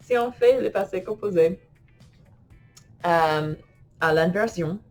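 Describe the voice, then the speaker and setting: A woman's voice: fairly low pitch, takes it slowly, faint music behind. A woman teaching French grammar in an online lesson, playful and laughing often as she types and talks to herself.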